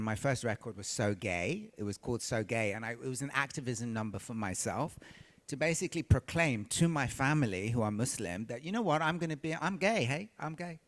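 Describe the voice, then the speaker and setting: A man from Tanzania, a recording artist on a panel, telling his story earnestly and repeating phrases for emphasis. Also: medium pitch. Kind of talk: panel discussion, personal storytelling.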